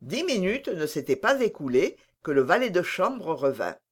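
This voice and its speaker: A narrator reading a classic novel aloud in a measured, expressive way. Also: medium pitch, breathy edge. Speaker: audiobook narrator.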